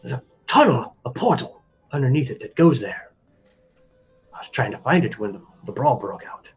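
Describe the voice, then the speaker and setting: A man voicing a relaxed, smug, bookish male nobleman in a tabletop game, on a dull lo-fi recording with faint music. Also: medium pitch, moderate pace, breathy edge, full character voice. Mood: chatty.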